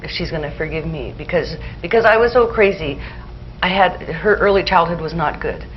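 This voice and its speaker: A middle-aged woman in a therapy session, speaking haltingly and emotionally, quietly repeating phrases. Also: lowish voice. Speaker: therapy client. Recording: dull lo-fi with faint hiss.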